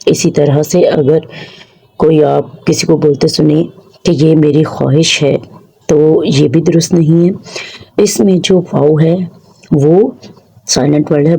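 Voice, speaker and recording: A teacher giving a pronunciation lesson for a video channel, explaining carefully and repeating each word slowly. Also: mid-range voice, vocal fry, dark tone, husky. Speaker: Urdu language teacher.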